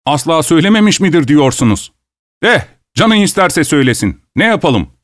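A man's voice: fairly high pitch, sing-song, normal speed, no room sound, clean studio sound, pitched above the performer's own voice. A man voicing a greedy, tactless male dinner guest with a boisterous, self-satisfied manner. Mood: smug.

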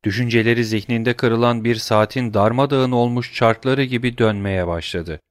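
A man reading a dramatic novel aloud in a measured, steady storytelling manner. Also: mid-range voice, no echo. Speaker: audiobook narrator.

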